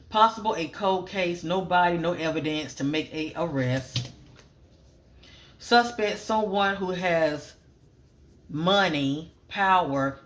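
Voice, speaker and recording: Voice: mid-range voice, a bit bright, a little hiss or hum. Casual psychic reader listing fragment cues. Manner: lists clipped fragment cues, often "I'm getting"; casual, repeats phrases, frequent "um" fillers. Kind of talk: solo psychic reading, spoken monologue.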